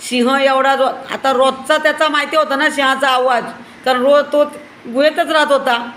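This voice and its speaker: A woman's voice: sits high, fairly even intonation, moderate pace, fairly bright tone, low-quality recording. A woman telling a children's moral story, often stopping to ask the listeners questions like a teacher.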